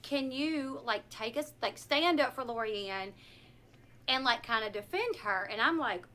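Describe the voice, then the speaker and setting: Woman, bright forceful higher voice, casual livestream storytelling while washing dishes, clear background noise. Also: lively intonation, measured pace. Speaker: streamer. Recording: noisy livestream, dishwashing in the room.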